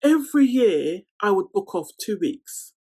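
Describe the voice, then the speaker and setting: A woman's voice: medium pitch, big pitch swings, measured pace, dark tone, breathy edge. A woman in her thirties from London with a London accent, chatting casually to camera in a Q&A vlog and laughing often. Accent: London English. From London, England. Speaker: vlogger.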